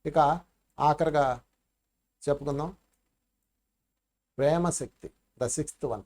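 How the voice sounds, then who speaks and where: A meditation teacher in his fifties gives a spiritual talk to his listeners. He tells his stories in an animated way, dropping his voice low and then rising loud again. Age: 50s. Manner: animated storytelling with sharp swings in loudness.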